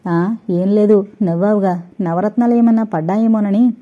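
A woman's voice: mid-range voice, fairly even intonation, normal speed, lightly acted. A woman doing a teasing young college guy. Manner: teasing, joking. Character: playful young male college student. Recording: dull lo-fi recording.

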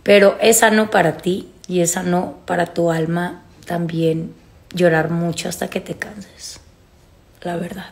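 Low-voiced Mexican woman confiding emotionally. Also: steady tone, unhurried, creaky, darkish tone. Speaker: vlogger. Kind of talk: casual confessional chat to followers. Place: small room at home, indoors. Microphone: phone at arm's length.

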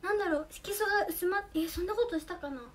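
A young woman livestreaming as an idol, chatting casually and thanking viewers by name, her voice slightly hoarse. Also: very high voice, quick pace. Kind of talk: casual livestream chat, reading viewer comments. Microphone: earphone mic.

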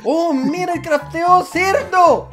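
A high-voiced woman commentating a game, excitable and shouty, full of slang. Music plays behind her. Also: takes it slowly. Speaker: gaming video host.

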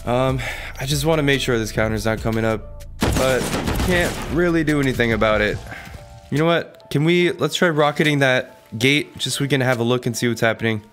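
A man's voice: mid-range voice, a little fast, over music. A man giving casual gameplay commentary, thinking aloud and talking to viewers in informal, exclamatory slang. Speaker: gaming video creator narrating his play.

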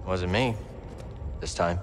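A man playing an earnest young Jedi hero in a video game, calm and wry, in an understated conversational way. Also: sits low, takes it slowly, in a large hall, over music. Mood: wry, determined. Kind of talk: cinematic video game acting.

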